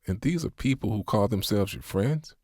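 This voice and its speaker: A man voicing a patient older male pastor who speaks firmly and asks gently sarcastic questions. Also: low-pitched, very animated, moderate pace, no room sound, clean studio sound, pitched above the performer's own voice. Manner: firm, instructive, wry questions.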